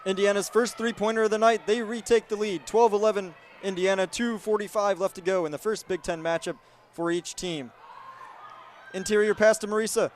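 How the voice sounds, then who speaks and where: Brisk and high-pitched, this American man in his twenties keeps his intonation fairly even while a little hiss or hum sits in the recording. He reports sports as a student, reading highlights and announcing play-by-play.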